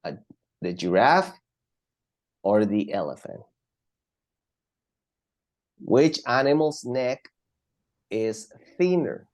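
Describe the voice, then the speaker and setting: Guy teaching english over a video call, slow and patient, mellow low-key voice, repeats stuff. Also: very animated. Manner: patient, repeats words slowly for students. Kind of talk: online class, explaining in two languages.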